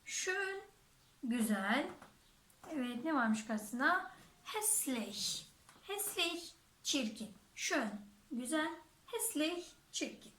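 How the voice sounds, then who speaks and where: A woman's voice: high voice, sing-song, very slow, fairly bright tone. A woman teaching a vocabulary lesson, saying each word twice and then translating it. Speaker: German teacher. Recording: echoey room.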